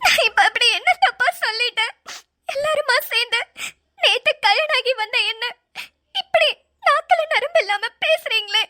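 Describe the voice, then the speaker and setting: A woman voicing a spiteful, scheming newlywed young woman in a cartoon, who puts on fake high sobbing. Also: expressive, moderate pace, bright, forceful tone. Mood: fake crying. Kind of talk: cartoon voice acting.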